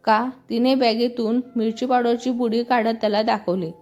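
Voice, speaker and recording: A woman's voice: on the high side, fairly even intonation, moderate pace, a little mellow, soft background music. A woman reading a story aloud as scripted narration, speaking all the characters' lines in her own voice.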